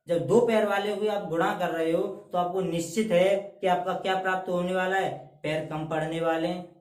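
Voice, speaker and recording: A man with a fairly high voice teaching math at a board, stressing each answer and dropping low to repeat it. He talks like a coach to his students and scoffs at memorized tricks. The sound is roomy and echoey, with the voice heard from some distance. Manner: emphatic, repeats key answers in a low drop; calls students beta, mocks shortcut tricks. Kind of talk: blackboard math lesson.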